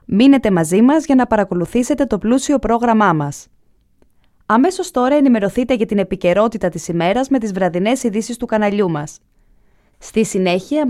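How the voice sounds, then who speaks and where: A woman television announcer reading a scripted programme announcement in a formal, measured way. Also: medium pitch, a little mellow.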